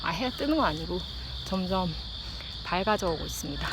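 A woman talks casually and reflectively while out running, with audible breaths, thinking aloud and pausing to ask herself how to put things. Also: on the low side, animated. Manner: thinking aloud with self-questions and pauses. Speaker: host of a running-and-chat audio diary. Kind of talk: casual reflective solo chat. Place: outdoors at early dawn. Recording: outdoor noise with insect chirps. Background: outdoor ambience with crickets and insects.

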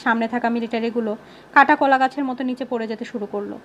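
A woman's voice: fairly high pitch, fairly even intonation, fast, slight background noise. Woman reading a war story aloud. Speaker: audiobook reader. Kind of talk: storybook narration with voiced dialogue.

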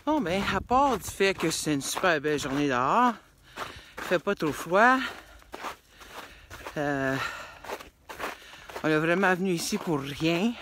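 A woman's voice: fairly low pitch, lively intonation, a little slow, long pauses, noisy background. A middle-aged woman with a Quebec French accent, chatting casually to her phone while hiking a snowy trail outdoors. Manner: chatty, rambling, laughs often. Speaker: hiking vlogger. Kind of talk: casual vlog chat. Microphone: phone at arm's length.

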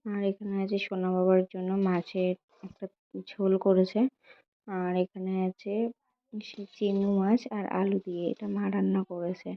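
A young woman chatting casually as she films a home lifestyle vlog, narrating her day in a soft, chatty way. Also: mid-range voice, little pitch movement, normal speed. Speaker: lifestyle vlogger. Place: home, kitchen and rooftop. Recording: dull lo-fi phone audio with faint music.

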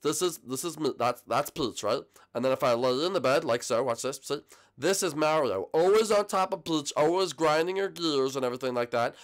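A mischievous, goofy dinosaur, voiced by a man who talks in playful, rambling bursts. The pitch jumps around animatedly in a homemade puppet comedy. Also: close to an everyday voice.

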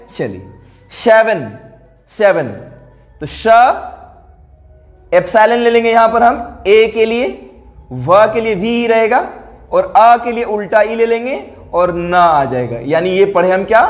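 A man with a high, light voice teaches English pronunciation. He works through words at a board, quizzing his pupils and repeating each word slowly until it is clear. It is a classroom lesson.

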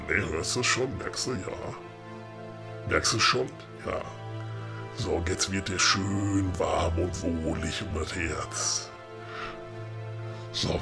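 A man's voice: low voice, gravelly, full character voice. A man with a Ruhr German accent playing a grumpy but helpful middle-aged woodcarver in a comedic audio play, chummy and matter-of-fact. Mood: hypnotic, soothing.

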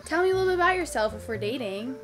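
A woman's voice: high-pitched, lively intonation, racing, music in the background. A young woman in her twenties, chatting and laughing in a teasing, bubbly way from her bedroom. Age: 20s. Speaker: vlogger. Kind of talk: casual chat and video-chat banter.

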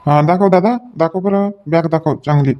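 A man playing a chatty shopkeeper in a comedy sketch, joking with customers while pitching his goods. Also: moderate pace, a little mellow. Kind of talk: comic sketch acting.

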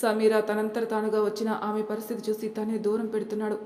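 Even-voiced woman narrating a story. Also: mid-range voice, fairly quick. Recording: echoey room with long reverb.

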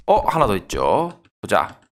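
A young man giving excitable let's-play commentary, yelling at enemies and joking with viewers. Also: fairly low pitch, unhurried, a little hiss or hum. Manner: excitable, yells and trash-talks the game. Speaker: gaming YouTuber.

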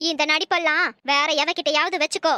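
A woman's voice: high voice, steady tone, fairly quick, pushed and bright, dry recording, studio quality. A woman voicing a bossy old mother-in-law in a cartoon, scolding and threatening.

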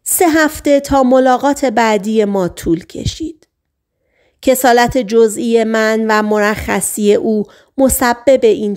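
Gravelly-voiced woman narrating an audiobook. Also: on the high side, darkish tone.

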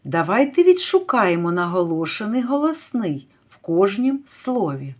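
A woman teaching a literacy lesson to young children, slowly drawing out stressed vowels as she calls out words. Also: mid-range voice, sing-song, darkish tone. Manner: slow, drawn-out, stretching stressed vowels to call out words. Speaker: kindergarten teacher.

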